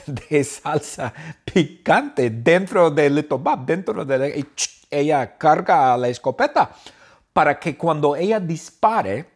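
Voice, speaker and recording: A man telling a silly story in slow, simple, repetitive phrases, with sound effects and exclamations. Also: a little high, lively intonation, husky. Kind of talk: comic storytelling for learners.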